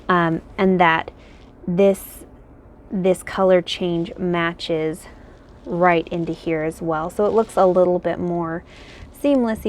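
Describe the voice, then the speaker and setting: A woman chats casually at home, thinking aloud and circling back with "um" and "like" as she walks through her crochet designs. Her voice sits a little low. A faint hum of room ambience lies under the recording. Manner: rambling and thinking aloud, many fillers. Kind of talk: casual chat. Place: home, indoors.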